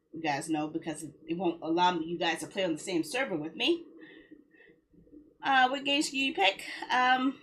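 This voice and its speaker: Against steady background noise, a woman with a husky, mid-range voice rambles to her livestream viewers. She is a game streamer, and her casual chat comes across as mildly complaining and self-justifying.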